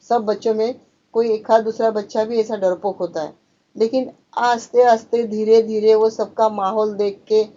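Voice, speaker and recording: A woman's voice: a little high, steady tone, moderate pace, warm tone. A woman teacher reading a play aloud to students and explaining it, raising her voice for the dialogue. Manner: reads dialogue with raised dramatic voice, then explains plainly. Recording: dull lo-fi sound.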